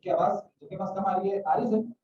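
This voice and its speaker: A man's voice: high voice, fairly even intonation, quick pace. A man teaching an Arabic grammar class, quizzing students and often checking "theek hai?". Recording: roomy, muffled classroom audio from a distant mic.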